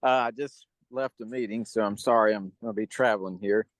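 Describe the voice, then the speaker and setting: A city council member calling in by phone while traveling, introducing himself in a friendly way with some fillers. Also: male voice, on the low side, steady tone, fairly quick, no echo, low-quality recording. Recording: dry phone audio.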